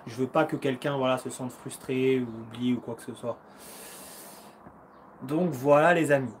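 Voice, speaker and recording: A man's voice: medium pitch, moderate pace, a little hiss or hum. A man in his thirties, a karate fighter and coach hosting a casual live Q&A from home, upbeat and encouraging, chatty with slang, acting out punches and footwork with little sounds. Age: 30s.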